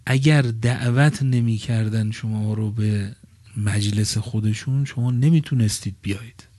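A man giving a religious sermon at a gathering under a tent. He moves from quiet asides to loud, stressed phrases and slows down to draw out key words. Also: fairly low pitch, fairly even intonation, dry recording. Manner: swings between soft asides and loud emphatic phrases, drawing out key words slowly. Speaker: preacher.

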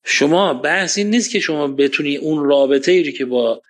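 A man with a fairly high voice delivers a religious lecture with passion. He swings between loud, emphatic points and quiet, muttered asides, stopping now and then to recite scripture. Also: animated. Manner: recites Quranic Arabic verses.

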